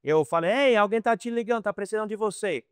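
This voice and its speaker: American man teaching, high voice. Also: fast, clear, resonant tone, no room sound, clean studio sound. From United States. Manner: conversational, repeats and restarts words, acts out quoted dialogue. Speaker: missionary teacher. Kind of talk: informal Bible lesson.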